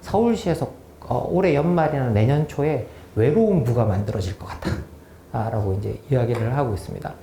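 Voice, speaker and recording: A man's voice: mid-range voice, lively intonation, fairly quick, vocal fry, mellow, echoey room, a little hiss or hum. A man in his fifties giving a public lecture, explaining research findings and posing questions to the audience. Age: 50s. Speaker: lecturer, political philosopher. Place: lecture room.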